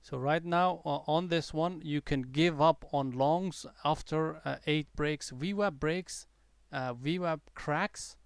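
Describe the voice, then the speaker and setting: A gravelly-voiced man hosts a day-trading livestream, giving casual live commentary on his trades. His voice is a little high and his pace slow, with few pauses and no echo. His mixed accent blends American-tinged English learned abroad with a softening from years in the UK, and he chats and rambles, full of fillers and restarts.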